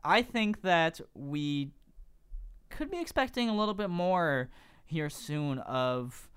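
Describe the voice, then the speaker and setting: A young man co-hosting a casual podcast, easygoing, who gets excited and talks fast when hyped. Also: fairly high pitch, clean tone, dry recording, studio quality. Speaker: podcast co-host. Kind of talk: casual book-club chat.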